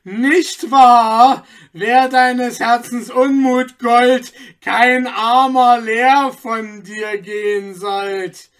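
A narrator voicing a hot-tempered old soldier who mocks in loud rhymes. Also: mid-range voice, steady tone, extremely slow, clean tone, pitched above the performer's own voice. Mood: mocking. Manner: loud, rhyming, mocking.

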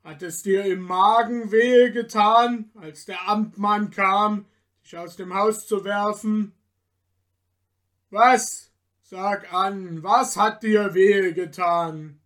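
A man voicing a loud, mocking giant forest spirit. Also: sits high, steady tone, takes it slowly. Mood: scornful. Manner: loud, taunting, emphatic. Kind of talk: dramatized storybook reading.

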